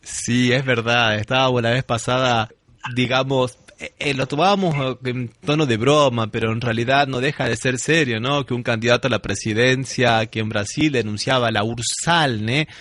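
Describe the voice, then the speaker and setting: A man's voice: medium pitch, moderate pace, fairly bright tone, no room sound. A man hosting a radio interview, thinking aloud and often checking in with tag questions. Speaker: radio host.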